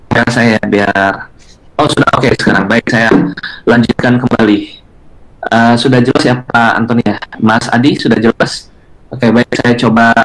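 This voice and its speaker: A man's voice: mid-range voice, fairly bright tone, low-quality recording. A man presenting a live online webinar, talking in a hesitant way with many filler sounds and polite address to the audience. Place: online video conference.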